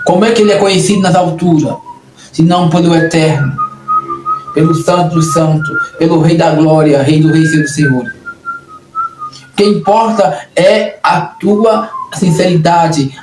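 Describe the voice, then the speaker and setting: A Brazilian man preaching a sermon in an earnest, repetitive way, often restarting his phrases. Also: a little high. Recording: echoey room, distant mic, noisy.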